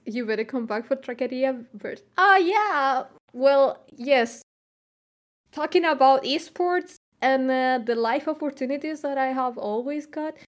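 A young woman from Chile chatting on a podcast in a slightly high voice. She talks reflectively and loosely, pausing on fillers and restarting her sentences as she goes. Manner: reflective, rambling with frequent fillers. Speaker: podcast co-host. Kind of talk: casual podcast chat.

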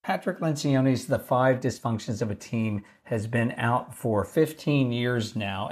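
A man hosting a solo podcast, talking calmly and steadily over a lower-quality mic he uses for video calls while traveling. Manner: calm, measured, explanatory delivery. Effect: lower-quality laptop mic instead of his usual studio mic. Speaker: podcast host. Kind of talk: solo podcast talk on leadership. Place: traveling, recording away from home. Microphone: basic mic normally used for video calls.

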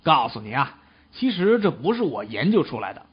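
A man performing comic crosstalk, teasing and playful, with a lively, bouncing pitch. His voice is slightly husky, and the recording sounds dull and lo-fi. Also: fairly quick. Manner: teasing, expressive.

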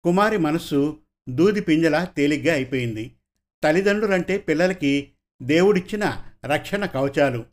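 Male narrator for an audio short story, measured and gentle. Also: fairly high pitch, lively intonation. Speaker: story reader. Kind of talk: scripted narration.

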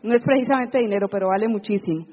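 A woman's voice: medium pitch, racing, big-room sound, muffled recording, slight background noise. Woman sharing about her family on stage. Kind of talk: personal testimony at a live event.

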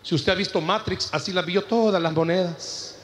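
A Salvadoran man preaches in a church, his voice sitting high. He mixes humorous personal stories with rhetorical questions to the congregation. The sound carries a long reverb from the hall. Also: moderate pace, fairly bright tone, slight background noise. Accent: Salvadoran Spanish. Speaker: pastor. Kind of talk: sermon.

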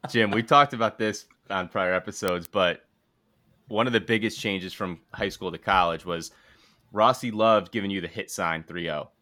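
A man's voice: low voice, normal speed, sharp tone. A man co-hosting a podcast, asking easygoing questions and recalling old games. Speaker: podcast co-host. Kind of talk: casual podcast chat.

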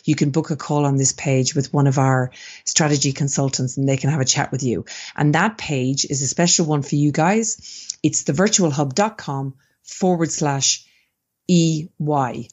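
A woman's voice: sits low, darkish tone, dull audio. A woman with an Irish accent, a business founder talking as a guest on a podcast interview, upbeat and conversational as she gives practical tips. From Ireland.

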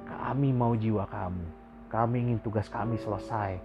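A man voicing a menacing jinn that speaks through a human medium, slow and cold, making matter-of-fact threats. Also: fairly low pitch, fairly even intonation, lo-fi sound, music in the background, close to an everyday voice.

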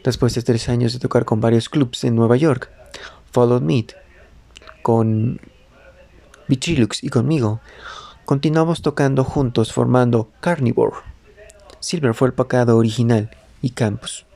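A man narrating a life story in the first person, reading phrase by phrase with some halting self-corrections and words dropped to a whisper. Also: medium pitch, steady tone, vocal fry, dark tone.

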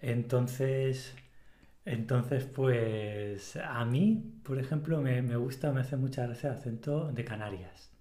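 A man's voice: mid-range voice, takes it slowly, mellow. Guy from spain chatting on a podcast, explains stuff, restarts a lot, roomy echo. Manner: explains at length, restarting phrases. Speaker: podcast host. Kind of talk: casual conversational chat. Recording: echoey room.

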